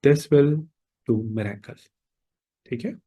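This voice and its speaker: A male teacher with a mellow, slightly husky voice guides a class step by step. He checks in with his listeners often and mixes English phrases into his teaching. When he demonstrates pronunciation, he chants mantras slowly. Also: on the high side. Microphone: writes on a board while talking.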